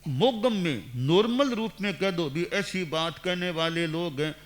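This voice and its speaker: A man in his sixties, a monk giving a measured, didactic sermon into a microphone and repeating phrases for emphasis. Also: sits high, animated. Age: 60s. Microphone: speaking into a microphone.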